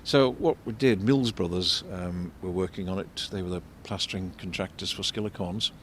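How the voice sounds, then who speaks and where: An older man giving unscripted commentary as an architect and local guide, discursive and explanatory, halting and repeating words. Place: outdoors in a shopping street. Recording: vehicle rumble, street noise. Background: faint street traffic rumble.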